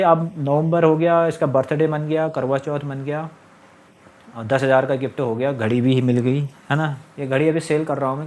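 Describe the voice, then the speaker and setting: A man's voice: fairly high pitch, a little mellow. Aggrieved man talking straight to camera. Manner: aggrieved, recounting and quoting others. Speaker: vlogger. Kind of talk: casual monologue to camera.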